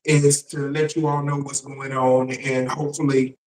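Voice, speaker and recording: A man hosting a live political news stream as a shock jock, talking casually to viewers in a halting way and repeating words. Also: mid-range voice, flat delivery. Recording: roomy echo, distant microphone.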